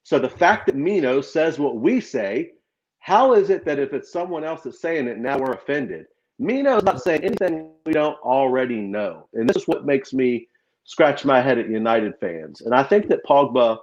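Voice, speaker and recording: A man's voice: medium pitch, animated, moderate pace. A man speaking as a fan panelist on a live show, emphatic and opinionated, through a crackling, distorted earphone mic. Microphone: earphone headset mic. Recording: dull, crackling lo-fi mic sound.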